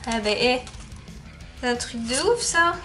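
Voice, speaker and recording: A woman's voice: on the high side, expressive, unhurried, music in the background. A woman YouTuber giving casual, chatty commentary as she opens card packs, reading off card names and laughing often.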